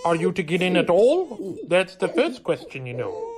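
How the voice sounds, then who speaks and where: A woman's voice: lowish voice, wildly swooping pitch, normal speed, crowd noise. A woman playing a dim, stubborn frog footman in a radio play, pedantic, rambling and uselessly literal. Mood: stolidly unhelpful. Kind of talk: theatrical radio play acting.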